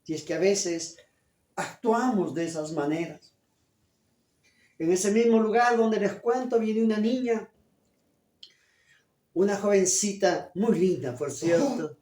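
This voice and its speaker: Pastor mayor predicando con eco de iglesia. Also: male voice, high voice, takes it slowly, pauses often, darkish tone. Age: older. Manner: emphatic preaching, asks the congregation questions. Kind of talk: sermon. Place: church hall. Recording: roomy church hall echo.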